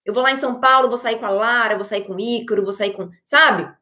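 A Brazilian woman giving an energetic, expressive motivational talk to her audience as an online creator. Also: fairly high pitch, fast, roomy sound.

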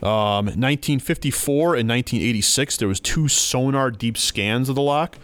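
A man's voice: medium pitch, moderate pace, fairly bright tone, clean tone, no room sound. A man co-hosting a podcast in casual chat, telling stories with animation and reading quotes aloud. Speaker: podcast co-host.

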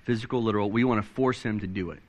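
Speaking rapid-fire, a male pastor gives an excitable, animated sermon. He reads passages of scripture aloud and drives home points with big rises and falls in pitch.

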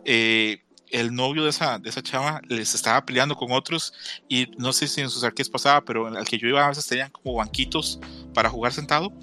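Bright-voiced Mexican man telling stories. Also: mid-range voice, a little fast, faint music behind. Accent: Mexican Spanish. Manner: storytelling, mimics voices with laughter. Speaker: podcast co-host. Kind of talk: casual chat.

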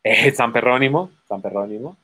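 A man's voice: medium pitch, moderate pace, breathy edge, dry recording. A man with a Mexican Spanish accent, telling stories in casual chat and acting out the voices of the people in them. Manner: animated storyteller acting out voices, laughing. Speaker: guest magician telling stories.

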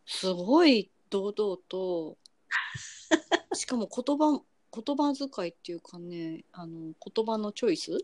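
A woman's voice: medium pitch, lively intonation, slow, a little mellow, dry recording. Chatty young woman, dry close sound. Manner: chatty, laughs often. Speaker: podcast co-host. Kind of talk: casual chat. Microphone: remote call recording.

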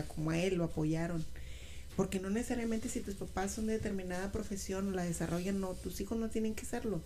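A woman co-hosting a casual film podcast, enthusiastic and quick to agree. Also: on the low side, warm tone, a little hiss or hum. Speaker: podcast co-host.

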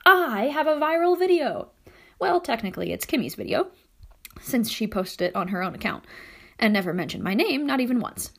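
A woman narrates a first-person novel with a bright, fairly high voice. Her pitch rises and falls freely as she tells the story. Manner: lively, expressive storytelling. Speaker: audiobook narrator.

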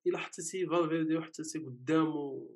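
A man's voice: a little high, steady tone, darkish tone. A man with a Moroccan Arabic accent in casual football talk, restarting his sentences and mixing in French words. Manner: halting restarts, mixes French words into speech. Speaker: football pundit.

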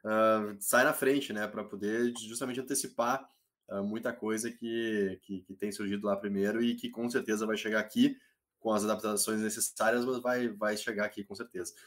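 A man's voice: fairly low pitch, steady tone, normal speed, fairly bright tone. A man hosting a talk show, chatting in a casual way and introducing a guest segment. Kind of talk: casual chat.

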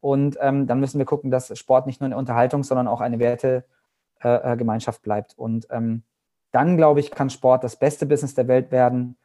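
A man's voice: mid-range voice, level tone, moderate pace, warm tone. A middle-aged man answering interview questions about sports business, reflective and full of restarts and fillers. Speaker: guest, sports marketing agency head.

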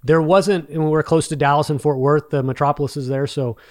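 A man's voice: a little high, fairly even intonation, fairly quick. A man with a light Texas accent, telling stories in a casual podcast chat as a guest. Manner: chatty storyteller. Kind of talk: casual conversation.

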